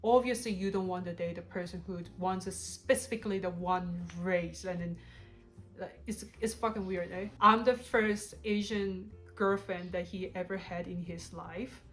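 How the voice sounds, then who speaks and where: Speaking with a Korean accent, this young woman from South Korea co-hosts a couple's channel and answers questions in a relaxed, blunt way. Her voice is mid-range and a bit bright, her intonation fairly even and her pace measured. She talks a lot, laughs frequently, and faint music plays behind her.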